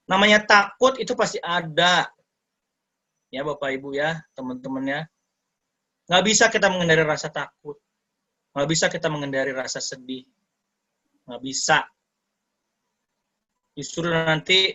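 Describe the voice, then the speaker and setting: A man giving an online talk to teachers, explaining with lively asides, sprinkling in English terms and acting out quoted parents. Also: fairly high pitch. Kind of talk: online sharing session talk.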